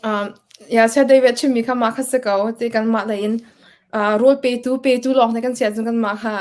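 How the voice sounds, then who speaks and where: A woman's voice: a little high, fairly even intonation, fast, a little mellow. Woman guest speaker on church ministry. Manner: conversational, mixes English words into speech. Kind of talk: casual ministry talk.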